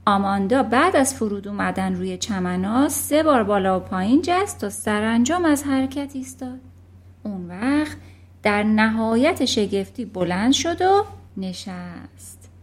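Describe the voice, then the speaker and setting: A woman narrating a children's novel in an expressive storybook reading. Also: a little high.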